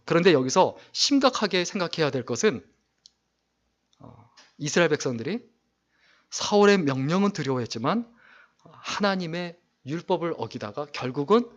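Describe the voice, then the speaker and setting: Male pastor in full sermon mode, high voice that swings widely, loud on his key points, muffled lo-fi recording. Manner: animated preaching, rising to loud emphasis on key points; reads scripture aloud in a raised declaiming voice.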